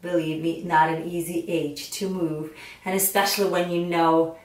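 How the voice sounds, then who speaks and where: A woman's voice: fairly low pitch, level tone, normal speed, distant mic. A woman in her thirties from Ukraine with a Ukrainian accent, chatting casually to camera as a makeup artist vlogger, with many fillers and restarts. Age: 30s. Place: home studio room, indoors. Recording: roomy echo, voice a bit off-mic.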